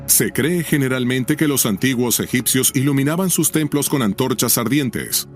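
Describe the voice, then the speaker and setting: A man's voice: medium pitch, expressive, moderate pace. A man narrating a scripted documentary in a nature documentary style, dramatic and intriguing, often posing questions. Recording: music bed behind the voice.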